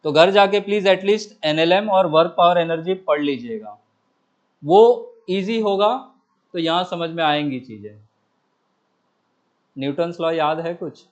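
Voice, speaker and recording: High-voiced man teaching a physics class. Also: measured pace, long pauses. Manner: asks students questions and answers them himself; coaxing, repeatedly checks understanding. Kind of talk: classroom lecture.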